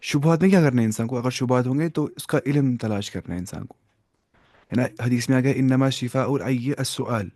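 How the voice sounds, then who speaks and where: A man's voice: mid-range voice, warm tone, no echo, clean studio sound. A man teaching a religious lesson in a classroom, explaining step by step, quoting Arabic and mixing in English terms.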